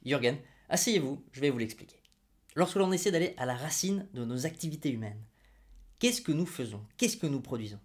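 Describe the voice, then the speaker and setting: Hosting his own explainer on money, a man with a darkish voice on the high side addresses the viewer directly. Ironic jabs and mocking rhetorical questions give way to patient teaching in this opinion piece to camera.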